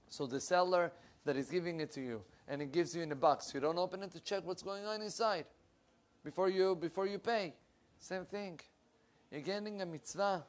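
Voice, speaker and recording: In a wood-panelled, book-lined room, a young male rabbi with a higher voice lectures on Torah in an animated manner, swinging his pitch and volume and gesturing vividly. He's recorded on a lapel mic.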